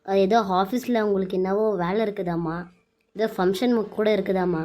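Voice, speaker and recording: Woman as a dutiful young wife, soft pleading voice, Bangalore Tamil accent, cartoon serial. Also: mid-range voice, brisk, close to an everyday voice. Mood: hurt, hiding. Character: Anjali, young tearful wife, meek and dutiful.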